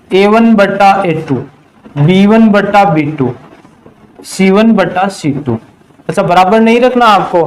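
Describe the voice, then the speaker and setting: A male math teacher giving a classroom lesson, quizzing his students and answering his own questions, and drawing out the key terms slowly. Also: sits high, a little mellow, poor audio. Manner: slows to a drawn-out pace on key terms.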